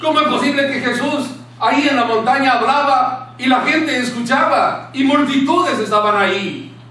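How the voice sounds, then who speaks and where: A man preaching a sermon in a small church room, impassioned, dropping to a hushed tone when he quotes scripture. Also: very high voice, moderate pace. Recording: very echoey room, distant mic, faint hiss.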